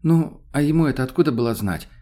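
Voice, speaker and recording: A man voicing a thoughtful, reasonable young woman who talks in an earnest, gentle way. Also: mid-range voice, animated, fast talker, pitched above the performer's own voice, lightly acted.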